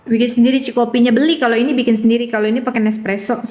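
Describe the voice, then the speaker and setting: A woman's voice: on the high side, steady tone, very fast, a little mellow. A woman with a Jakarta accent chatting casually on a phone live stream, teasing her viewers and trying out words again and again. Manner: repeats words again and again while trying out pronunciations. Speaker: social media influencer.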